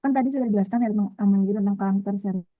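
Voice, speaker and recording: A woman's voice: medium pitch, fast, no echo. A woman audience member politely asking a question in an online seminar, her voice breaking up over a bad connection. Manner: politely asks permission before her question. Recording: choppy, tinny online call audio.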